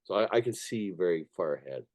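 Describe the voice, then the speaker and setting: A man's voice: low-pitched, animated, fairly quick, darkish tone. A man who is a musician, talking casually in an interview in a rambling storytelling way, sweary and emphatic, often checking that the listener follows. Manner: sweary, emphatic, repeatedly checks listener with "you know" and "right". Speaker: musician, songwriter and record producer being interviewed.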